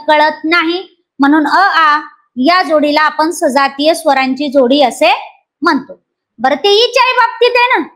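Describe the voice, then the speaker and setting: Teaching grammar to exam candidates, this very high-voiced Maharashtrian woman keeps things lively. She fires questions at her students and drills every key rule again and again until they retain it.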